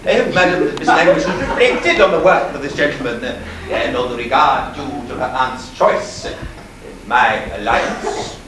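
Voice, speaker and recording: A man's voice: medium pitch, animated, moderate pace, natural voice. A man playing a blustering, hot-tempered old baronet in a stage play, bellowing impatiently. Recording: echoey hall, far from mic, noisy.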